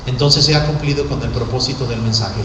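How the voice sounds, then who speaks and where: A man preaching a sermon, passionately swinging between hushed tones and shouts. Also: medium pitch, brisk, background noise. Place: church sanctuary. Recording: echoey church hall.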